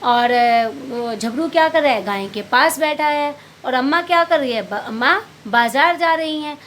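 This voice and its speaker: A woman's voice: high voice, lively intonation, a little slow, fairly bright tone, slight background noise. A woman teacher explaining a Hindi workbook lesson to young pupils, patiently asking questions and answering them herself, calling them beta. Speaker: primary school teacher.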